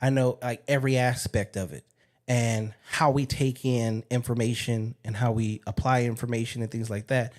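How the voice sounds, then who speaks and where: A man hosts a podcast in a casual interview chat, speaking frankly and swearing freely. His mid-range voice is steady and a little mellow, at a moderate pace.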